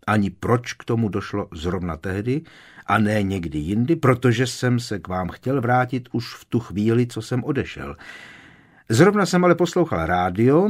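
A man reading aloud and voicing an earnest teenage boy wizard in a raised, eager tone. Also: on the low side.

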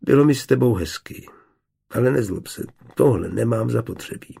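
A man's voice: mid-range voice, lively intonation, gravelly, mellow, breathy edge, full character voice. Man voicing a hurt, proud young woman. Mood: reproachful.

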